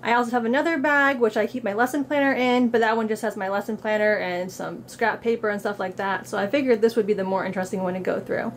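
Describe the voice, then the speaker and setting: Quick and barely pausing, her fairly high voice has fairly even intonation and a little hiss or hum behind it. She's a young craft vlogger getting over a cold, doing a casual show-and-tell of her bag indoors before a plain backdrop, reading book excerpts upbeat before plain chat.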